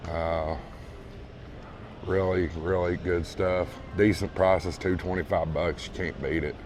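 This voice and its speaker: Filming on a handheld phone, an easygoing vlogger tours a big indoor store, narrating casually and calling viewers "folks." He keeps repeating his praise. His low-pitched voice is hoarse and giving out, and there is noise in the background.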